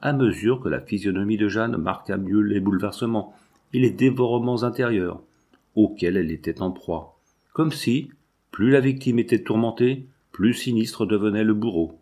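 A man reading a classic novel aloud as scripted narration, measured and solemn. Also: on the low side, mellow. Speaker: audiobook reader.

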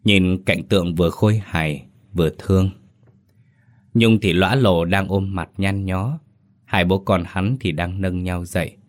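A man with a deep, low voice reads a dramatic story aloud. His delivery is steady and even, in the manner of scripted narration. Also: measured pace.

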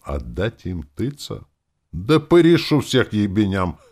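A man's voice: fairly low pitch, big pitch swings, takes it slowly, darkish tone, pitched above the performer's own voice, heavily acted. A man voicing a blunt, sarcastic, hot-tempered young male hero in an audiobook. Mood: furious.

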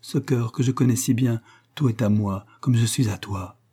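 A man's voice: mid-range voice, normal speed, mellow, husky. A man voicing Pauline, an ardent young woman. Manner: impassioned, breathless devotion. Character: young woman in love, tender and exalted. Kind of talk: audiobook character reading.

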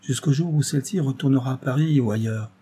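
A man's voice: medium pitch, fast, slightly rough, voice pushed up, close to an everyday voice. A man reading aloud voices a playful, mischievous young woman who teases an older man. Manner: lively, teasing.

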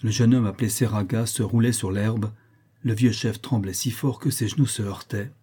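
A man narrating an adventure novel in the first person, in a steady, measured reading. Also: lowish voice, breathy edge. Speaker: audiobook narrator.

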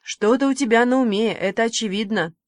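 A woman voicing a kindly, fussy middle-aged village woman in a storybook reading, brisk and motherly, softening on endearments. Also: a little high, dry recording, studio quality, close to an everyday voice.

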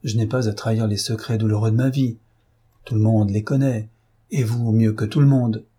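A man's voice: medium pitch, moderate pace, dark tone, slightly rough, close to an everyday voice. A man voicing an impassioned young lady. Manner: heartfelt, pleading, emphatic. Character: young upper-class woman, earnest and proud. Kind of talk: audiobook reading.

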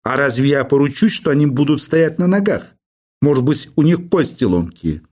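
A testy professor rants and lectures, his voice climbing high with irritation, as a man puts him on. The pitch leaps about in a lively, animated way. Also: moderate pace, lightly acted. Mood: agitated. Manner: exasperated, lecturing. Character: irritable fussy male professor, middle-aged.

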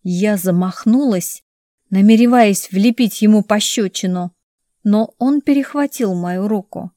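A woman narrating a novel in the first person in a measured, even storytelling way. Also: mid-range voice, dry recording, studio quality. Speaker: audiobook narrator.

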